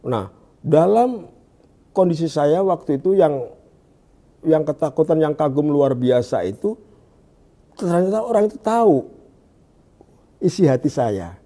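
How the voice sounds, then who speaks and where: A man from Indonesia telling his story in an interview, often pausing and restarting as he searches for words, and dropping to a hushed voice when he quotes. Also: very animated. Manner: drops to a hushed low voice when quoting. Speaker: guest giving a testimony. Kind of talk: conversational interview.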